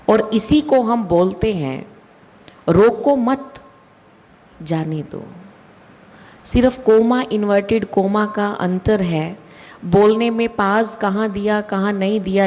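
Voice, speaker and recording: A woman giving a slow, deliberate spiritual talk with emphatic rises in her voice. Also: medium pitch, darkish tone. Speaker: spiritual speaker. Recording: long hall reverb.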